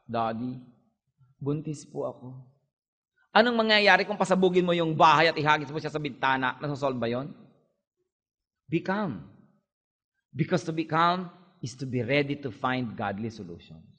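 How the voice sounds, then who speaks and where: A male pastor with a Filipino accent delivers a lively sermon, moving easily between Tagalog and English. His voice sits a bit higher than most men's. A long reverb trails after his words, as if spoken in a large hall. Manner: animated preaching, switching between Tagalog and English.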